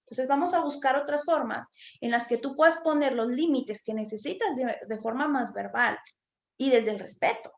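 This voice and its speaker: A psychotherapist speaks to parents in a high voice, chatty and engaging, often tossing in quick tag questions. Her talk comes through a video call and sounds echoey, as if from a bare room. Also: gravelly. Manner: warm, conversational, frequent tag questions. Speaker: psychotherapist giving a conference talk. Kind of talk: informal lecture to parents.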